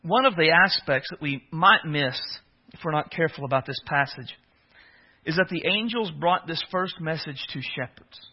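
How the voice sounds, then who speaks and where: A man preaches with earnest, emphatic stresses, stopping now and then to restart a phrase. His voice sits somewhat high for a man. The audio is dull and lo-fi. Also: lively intonation, normal speed, husky. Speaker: pastor. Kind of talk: sermon.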